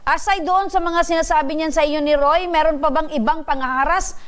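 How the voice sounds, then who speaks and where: A woman's voice: high-pitched, fairly even intonation, a little fast. A woman hosting a public-service show, questioning a caller and restating his answers to clarify them. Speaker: radio public-service host. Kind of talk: interviewing a caller.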